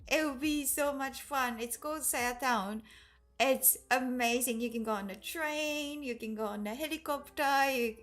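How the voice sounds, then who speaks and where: A woman's voice: high voice, slow pace, a bit bright. A woman teaching Japanese in a live online class. She speaks English with a Japanese accent and switches between the two languages as she reads chat comments aloud.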